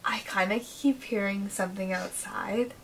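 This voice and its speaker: A young American woman talks casually to a camera in a night vlog. Her telling is halting and full of filler words. She sits a little away from the microphone, with some noise behind her and a medium pitch. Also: steady tone. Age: young adult. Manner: hesitant, filler-heavy storytelling with "like". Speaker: vlogger staying overnight in a garage. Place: cluttered garage at night, seated on sofa. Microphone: camera a few metres away. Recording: distant camera mic with background noise.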